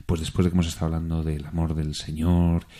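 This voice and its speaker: Deep mellow radio host. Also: male voice, level tone, quick pace. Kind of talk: radio presenting.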